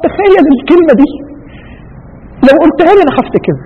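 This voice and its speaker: Fervent high-voiced Egyptian preacher. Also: male voice, sing-song, fast talker. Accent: Egyptian Arabic. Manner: fervent, rhetorical questions, voice surging and dropping. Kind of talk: sermon. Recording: dull radio broadcast with long hall reverb.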